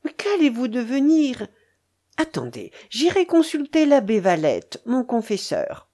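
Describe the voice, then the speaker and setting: A woman's voice: mid-range voice, very animated, measured pace, mellow. A woman reading aloud, voicing a kindly, simple older motherly woman who speaks in a fretful, tender way. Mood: alarmed.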